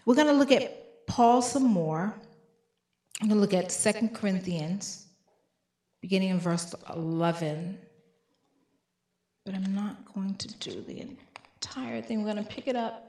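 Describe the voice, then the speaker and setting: A woman's voice: medium pitch, measured pace, pauses often, dark tone, reverberant. A woman giving a sermon, reading scripture aloud with emphatic, rising delivery on repeated lines. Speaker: preacher.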